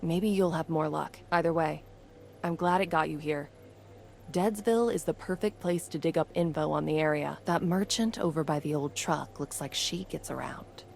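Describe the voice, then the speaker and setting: A woman's voice: sits low, normal speed, gravelly, darkish tone, soft background music. An actress voicing a level-headed, skeptical female survivor companion in a video game, matter-of-fact in manner. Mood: calm, helpful.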